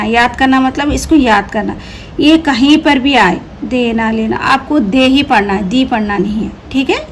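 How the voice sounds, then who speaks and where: A woman teaching an Urdu reading lesson, repeating each word slowly and patiently explaining how the letters sound. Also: high-pitched, slight background noise, poor audio. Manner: slow drilled repetition of each word.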